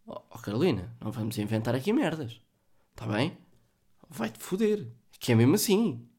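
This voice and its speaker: A man's voice: mid-range voice, very animated, a little fast, mellow, slightly rough. A man with a European Portuguese accent hosting a solo podcast, thinking aloud in a joking, profane, casual way. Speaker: podcast host.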